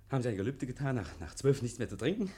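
A male actor takes the role of an over-eager, nervous murder suspect in a 1950s radio play, stammering, repeating himself, and speaking effusively. His voice is medium in pitch and dark in tone, close to how someone sounds in everyday speech.

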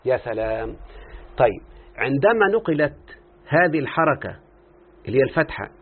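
Very animated and husky, with a mid-range voice and moderate pace, an Egyptian teacher explains a text in an Arabic morphology class. The audio is tinny and lo-fi, like a phone, and he repeatedly quizzes his students with brief questions.

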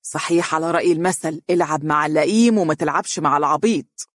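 A brash young man with an Egyptian accent, bantering quickly and teasingly, as a male narrator puts him on. His voice sits a bit above the reader's own. Dry, close audiobook sound. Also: on the high side, dry recording, close to an everyday voice. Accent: Egyptian Arabic.

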